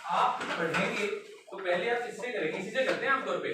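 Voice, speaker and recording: A man's voice: high-pitched, fairly quick, heavy background noise. Distant man lecturing in an echoey hall. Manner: interactive, quizzing the audience. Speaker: lecturer leading a memory workshop. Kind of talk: live classroom talk.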